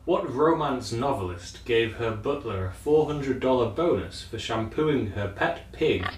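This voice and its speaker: A man's voice: medium pitch, expressive, unhurried, distant mic. A man reading trivia questions aloud as a quizmaster. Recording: echoey room, off-mic voice.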